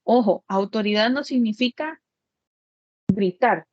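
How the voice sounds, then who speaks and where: A woman's voice: mid-range voice, slow pace, a little mellow, dry recording, muffled recording. A woman architect lecturing her students in a plain-spoken way, repeating each point with everyday examples.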